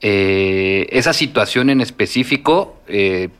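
A Mexican man with a fairly low voice, talking through a personal story in a relaxed, reflective way. He hesitates often and fills the pauses with small sounds as he gathers his thoughts. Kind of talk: casual chat.

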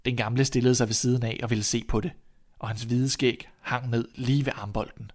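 A man narrating a fairy tale in a calm, measured storybook reading. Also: mid-range voice, background noise.

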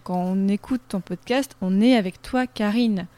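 Mellow-voiced woman interviewer. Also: mid-range voice, normal speed. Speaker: podcast interviewer. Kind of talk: interview questions.

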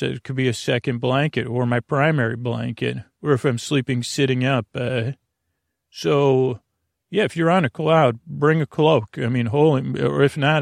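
Hosting a sleep podcast, this male bedtime storyteller mumbles his way through a meandering, halting monologue that keeps digressing, in a creaky voice. He speaks at medium pitch, and the clean studio sound has no room sound.

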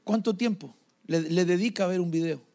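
Pastor, high and gravelly, unhurried storytelling sermon. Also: male voice, mellow. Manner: storytelling, addresses the congregation.

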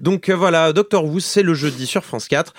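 A man's voice: on the high side, normal speed, dry recording, studio quality. A man co-hosting a podcast in casual chat, enthusiastic and rambling with many fillers. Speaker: podcast co-host.

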